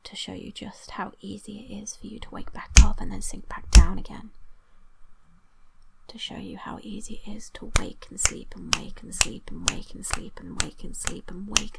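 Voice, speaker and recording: A woman whispers breathily right up against the mic, guiding an ASMR hypnosis session through repeated suggestions and long, lingering pauses. Her mid-range voice comes through on a rough recording.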